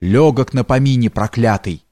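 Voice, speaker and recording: A man's voice: medium pitch, normal speed, warm tone, dry recording, studio quality, lightly acted. A man voicing a frightened, superstitious male servant who stammers and exclaims in fright in a storybook reading.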